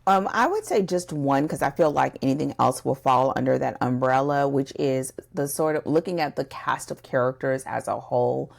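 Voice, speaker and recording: Podcast co-host, woman, low voice with gravel, emphatic and direct with listeners. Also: normal speed, few pauses. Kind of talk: casual conversational podcast.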